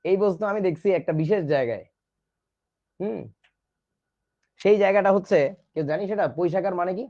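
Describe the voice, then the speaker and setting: Man, Bangladeshi Bengali accent, chatty teasing lecture, slightly high voice, dull lo-fi sound. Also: a little fast, dark tone. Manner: chatty, teasing, scolds students playfully. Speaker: chemistry teacher. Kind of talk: casual online class lecture.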